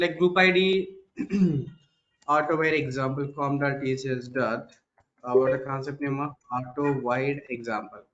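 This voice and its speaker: A man's voice: mid-range voice, fairly bright tone. A man with an Indian English accent teaching a programming class live online, repeating key terms and quizzing his students. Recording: dull, echoey online class call audio.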